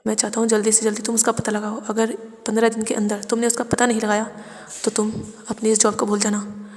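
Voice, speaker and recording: A woman's voice: on the high side, monotone, fast talker, a little mellow, big-room sound, natural voice. A woman voicing a cold, stern young male CEO who threatens his assistant, in a storytelling recap. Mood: cold, threatening.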